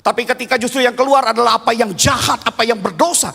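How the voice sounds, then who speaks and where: A man in his fifties preaching a sermon as a pastor, telling stories with animated swings between loud and hushed. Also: very high voice, fast, gravelly, breathy edge. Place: church. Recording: long reverb of a church hall.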